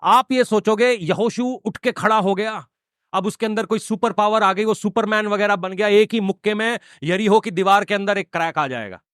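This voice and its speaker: A male pastor delivers a sermon in a high, sharp, forceful voice. He keeps firing questions at the congregation and stretches his cries out with fervour. The sound is dry and close. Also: clear, resonant tone, dry recording. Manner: preaching with call-and-response questions to the congregation; builds to drawn-out, fervent cries.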